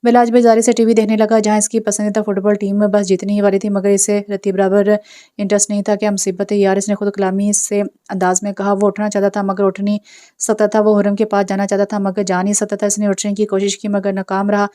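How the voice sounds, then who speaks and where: A woman narrating a romance novel as an audiobook in a calm, even storytelling manner. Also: medium pitch, fast.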